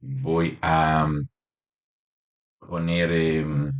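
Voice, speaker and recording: A man teaching electronics through a screen-recorded software tutorial, explaining each step and checking in with frequent short questions. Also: extremely low pitch, little pitch movement, extremely slow.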